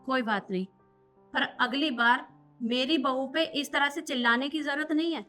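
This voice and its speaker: A sharp, very high-voiced mother scolds and lectures her grown son in a family drama, played by a woman. Her tone is bright and piercing, and she is fiercely protective of her daughter-in-law. Faint music plays behind her. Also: normal speed. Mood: calm. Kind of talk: short family drama acting.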